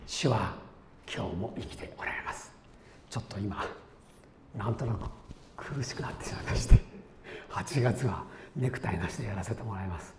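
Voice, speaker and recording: A man's voice: lowish voice, normal speed, pauses often, background noise. A man preaching a sermon as a pastor, chatty and folksy, with easy asides before he turns to the Bible passage. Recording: echoey room with faint ambience.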